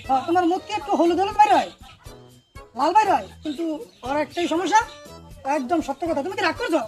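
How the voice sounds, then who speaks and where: A woman's voice: extremely high pitch, lively intonation, quick pace, a little mellow, faint music behind. A woman playing a teasing mock fortune teller in comic street banter. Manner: teasing, playful, keeps asking if people are angry.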